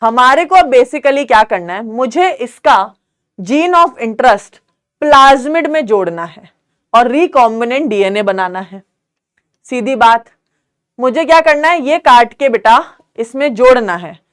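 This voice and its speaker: A young woman teaching biology in a live online class, mixing English terms into Hindi, quizzing students and asking whether it is clear. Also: fairly high pitch, lively intonation, slow. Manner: calls students "beta", quizzes them, asks if it's clear.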